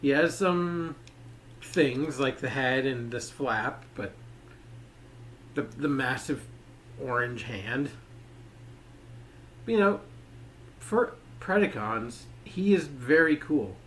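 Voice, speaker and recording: A man's voice: mid-range voice, lively intonation, slow pace, long pauses, fairly bright tone, a little hiss or hum. A man giving a casual toy review, rambling and leaning on filler words.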